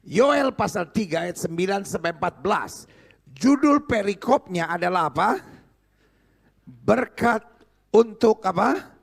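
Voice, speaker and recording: Middle-aged pastor leading call-and-response, husky and high-pitched. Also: male voice. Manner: call-and-response preaching, joking with the congregation. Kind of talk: sermon.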